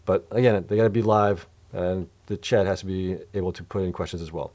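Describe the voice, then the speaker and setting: A middle-aged man chats loosely on a late-night livestream, answering viewer questions with plenty of fillers and restarts. His voice is fairly low and warm, with a mellow tone. It sounds worn out from a long session. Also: steady tone, brisk. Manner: loose and rambling, many fillers, reads chat aloud. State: voice getting worn out. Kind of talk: casual livestream chat.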